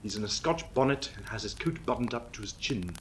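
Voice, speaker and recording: An actor playing a brisk, confident detective in an audio drama. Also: male voice, fairly low pitch, noisy background, lightly acted. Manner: commanding, animated, confident. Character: brisk eager male detective.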